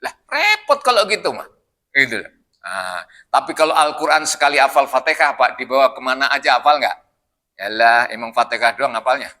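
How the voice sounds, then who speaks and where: A man's voice: medium pitch, big pitch swings, brisk, bright, forceful tone. An older man preaching in a mosque, joking with the congregation and firing questions at them. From Indonesia. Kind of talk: sermon.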